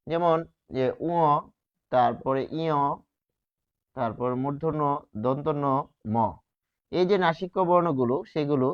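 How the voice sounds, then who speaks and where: A man teaching a grammar lesson, posing rhetorical questions and answering them, stretching key words slowly. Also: fairly high pitch, clear, resonant tone. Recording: dull lo-fi sound.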